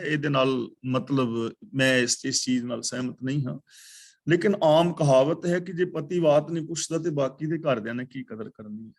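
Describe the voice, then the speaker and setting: A man teaching a scripture class, chanting verses slowly and then patiently explaining them word by word. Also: a little high. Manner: patient, corrects pronunciation. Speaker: katha teacher.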